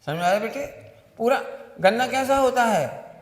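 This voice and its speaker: A man teaching a religious workshop, slowly explaining with everyday examples and often asking whether everyone understood. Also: very high-pitched, expressive. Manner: keeps asking listeners if they understood. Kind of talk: classroom-style religious discourse. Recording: reverberant hall sound.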